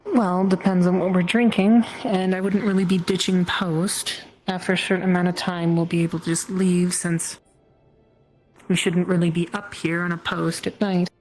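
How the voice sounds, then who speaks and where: A woman plays a dry, measured guard chatting on watch in a role-play game. Her voice is on the low side, with faint music underneath. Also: flat delivery, a little mellow, lightly acted, poor audio. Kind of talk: improvised in-character role-play, conversational.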